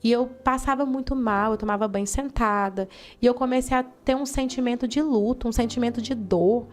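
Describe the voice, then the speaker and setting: Fervorosa missionária brasileira, voz aguda. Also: female voice, a little high, steady tone, fairly quick. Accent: Brazilian. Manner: fervent, vivid storytelling with acted-out quotes. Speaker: missionary giving testimony. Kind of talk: emotional personal testimony in an interview.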